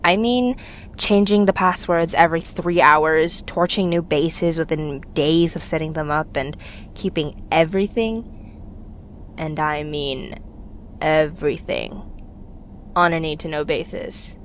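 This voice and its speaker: A woman voices a young fugitive rebel for an audio drama, delivering an intimate, halting confessional monologue full of bitterness and haunting grief. Her voice sits low, with slight background noise.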